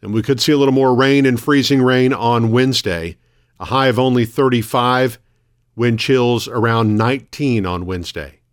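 A man hosting a local radio morning show, reading news announcements in a measured, orderly way from a studio. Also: mid-range voice, clear, resonant tone. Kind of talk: radio news announcing of weather, closings and notices.

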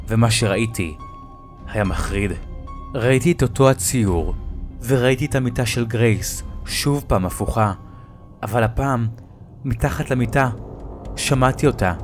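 A man narrating a scary first-person story at a mid pitch. He reads in a measured way and pauses for effect on the tense moments. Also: faint music behind.

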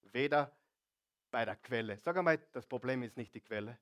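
A man preaching a sermon to a congregation, throwing out rhetorical questions and jokes, swinging between loud and quiet. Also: medium pitch, moderate pace. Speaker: pastor.

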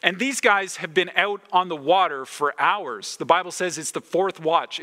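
A man preaching a sermon as pastor, earnest and emphatic, with dramatic pauses. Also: on the high side, pushed and bright. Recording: long church reverb.

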